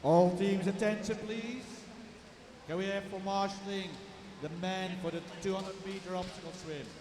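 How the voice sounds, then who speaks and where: A man announcing at a swim meet through a megaphone-like loudspeaker, calling out instructions to the teams. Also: high-pitched, steady tone, normal speed, noisy background. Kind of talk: public address announcements. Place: indoor swimming pool hall. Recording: echoey pool hall with loud ambience.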